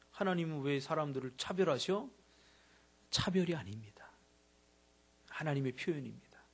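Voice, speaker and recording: Lively, bright-voiced male preacher. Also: on the high side, breathy edge. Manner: animated, storytelling, shouts hallelujah. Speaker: pastor. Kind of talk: sermon. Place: church sanctuary.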